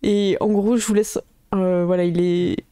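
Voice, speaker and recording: A woman's voice: on the low side, fairly even intonation, moderate pace, dark tone, smooth, no echo, studio quality. Laughing French-speaking game master woman. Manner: laughs often, explains rules with many fillers. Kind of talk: casual tabletop game narration.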